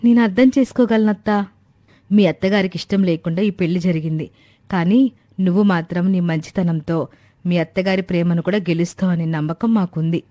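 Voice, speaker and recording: A woman reading the female roles of a storybook tale in a gentle, earnest manner. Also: lowish voice, steady tone, fairly quick, no room sound.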